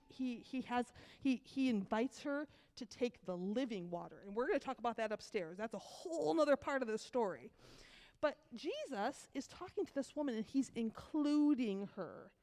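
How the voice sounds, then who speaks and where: A woman with a cold giving a children's sermon, telling a story to kids with lively asides and questions. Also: on the high side. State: has a cold. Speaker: children's message leader.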